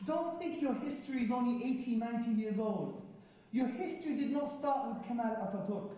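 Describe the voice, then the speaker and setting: A man's voice: extremely high pitch, a little fast. A man giving an impassioned public lecture with emphatic, repetitive oratory. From Britain. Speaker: Islamic speaker addressing an audience. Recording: very echoey hall, mic far off, faint noise.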